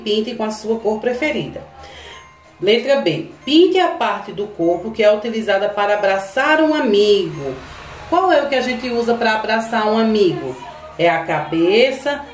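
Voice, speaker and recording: A woman with a Brazilian Portuguese accent, teaching kindergarten children in an online lesson. She asks patient, sing-song questions and spells words out slowly. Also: medium pitch, roomy sound. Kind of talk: slow, clear online lesson for young children.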